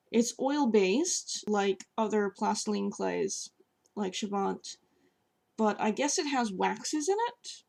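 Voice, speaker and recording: This sculptor gives a relaxed demonstration from home, sitting at a table by a sofa and reviewing clay as she chats with fillers mid-task. Hoarseness has taken part of her voice, leaving it scratchy and gravelly, though still medium-pitched and a little mellow.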